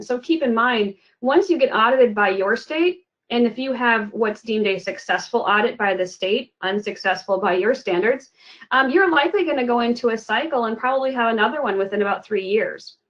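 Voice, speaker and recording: A woman's voice: fairly high pitch, animated, moderate pace, fairly bright tone, dull audio. A woman giving a webinar presentation in a conversational way, with frequent "you know" and "um".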